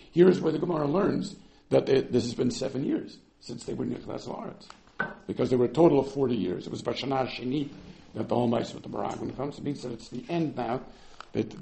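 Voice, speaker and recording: Reading Hebrew verses and then explaining them, a man teaches a Bible text in a warm, creaky, medium-pitched voice. As a Torah teacher lecturing from the text, he delivers with emphatic, dramatic swings.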